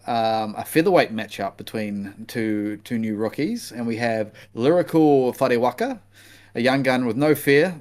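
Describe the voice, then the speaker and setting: Podcast co-host, male, broad Kiwi accent, relaxed slangy delivery, casual fight-preview chat. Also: mid-range voice. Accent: broad New Zealand. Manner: laid-back, slangy.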